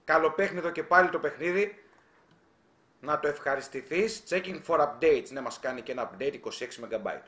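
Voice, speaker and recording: A man's voice: on the high side, animated, a bit bright, reverberant. A man hosting a casual live stream, teasing viewers and reading their chat aloud during a giveaway.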